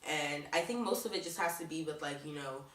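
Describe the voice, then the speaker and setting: Speaking a little fast, a young woman from Baltimore talks chattily to her camera, with "like" showing up in almost every line. Her voice is low and a bit bright, and she's recorded far from the mic in an echoey room.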